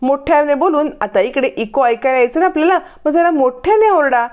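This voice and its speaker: A woman voicing a young husband who keeps coaxing his shy wife to call out louder, read in her own storytelling voice. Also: high voice, fairly quick, narrow, tinny audio, voice pushed up, natural voice. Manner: insistent, coaxing.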